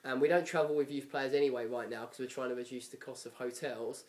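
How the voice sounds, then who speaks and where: A man's voice: medium pitch, fast, recorded from a distance. Chatty English man in an echoey room. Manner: chatty, lively, laughs often. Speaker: podcast host. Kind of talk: casual football chat.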